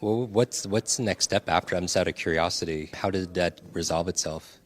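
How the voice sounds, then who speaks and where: A man's voice: sits low, a little fast, no room sound. A male podcast host asking thoughtful, probing questions in an interview.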